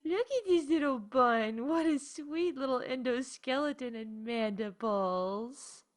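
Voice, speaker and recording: A woman plays a cheerful theme park announcer in space, delivering scripted comedic announcements in a deadpan corporate style punctuated by emphatic asides. Her voice sits high and moves slowly, with a cooing mood.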